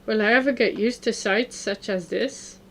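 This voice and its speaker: A woman's voice: mid-range voice, moderate pace, fairly bright tone. A woman reading an awkward, thoughtful teenage boy. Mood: reflective.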